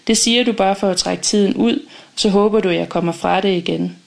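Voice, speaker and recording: A woman voicing a confident husband who gently teases his partner in an audiobook. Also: mid-range voice, creaky, natural voice. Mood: teasing. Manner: knowing, gently teasing. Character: teasing, confident husband, adult man.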